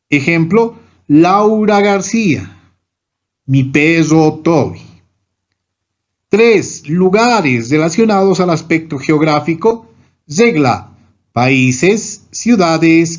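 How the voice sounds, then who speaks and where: Male narrator, high and slow, lesson-reading voice, muffled lo-fi sound. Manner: reads numbered rules and examples one by one. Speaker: teacher.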